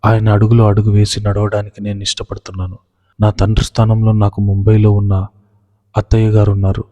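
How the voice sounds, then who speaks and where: Casting: pleading, sobbing young woman, read by a man, deep flat tone, long reverb. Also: a little fast, muffled recording, natural voice. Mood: firm resolve. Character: terrified young woman fleeing a forced marriage.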